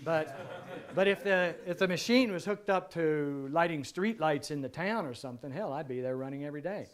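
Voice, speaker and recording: A man presenting a seminar, answering audience questions in a relaxed, joking, rambling way, his voice going hoarse. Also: fairly high pitch, a little fast. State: losing his voice. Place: seminar room.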